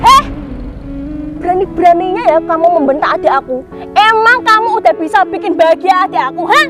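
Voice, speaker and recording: A woman playing a sharp-tongued older sister who scolds her brother-in-law with open contempt. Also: very high-pitched, brisk, music in the background. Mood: scolding. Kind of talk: amateur skit acting.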